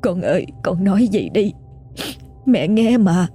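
A woman's voice: animated, unhurried, dark tone, slightly rough, soft background music. A woman voicing a frightened, grieving mother who calls out tearfully to her dead daughter in a ghost story audiobook. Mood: desperate pleading. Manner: tearful, pleading, rising to high cries.

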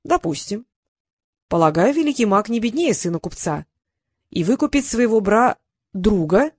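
A woman's voice: medium pitch, sing-song, normal speed, a little mellow, no echo. A woman playing a sly greedy slave trader. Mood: sly, haggling.

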